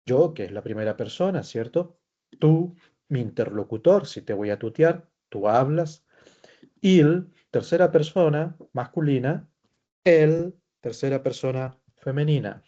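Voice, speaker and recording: A male French teacher gives an online lesson at an unhurried pace, patiently repeating each example phrase. His voice is mellow and dark, and the recording sounds dull and lo-fi. He keeps an even, middle pitch.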